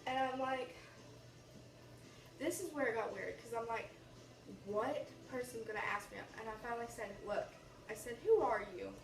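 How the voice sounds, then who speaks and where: A woman's voice: a little high, moderate pace, vocal fry, pauses often. A teenage girl with an American accent telling a story casually as a vlogger, animatedly acting out the dialogue as she goes. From United States. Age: teens, about sixteen. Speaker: YouTube vlogger. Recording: roomy echo, distant mic, faint noise.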